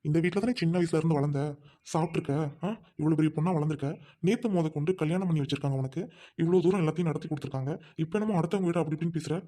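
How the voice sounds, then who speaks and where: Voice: medium pitch, racing, mellow, natural voice. A performer acting as a young husband who lectures his new wife for the sake of his elder brother's family in a Tamil audio drama. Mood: angry.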